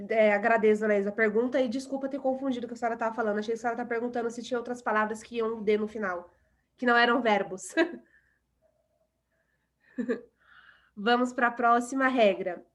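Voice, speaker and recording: Brazilian woman, English teacher, patient and repetitive, slightly high voice. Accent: Brazilian Portuguese. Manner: patient, repeats example words slowly. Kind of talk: online class explanation.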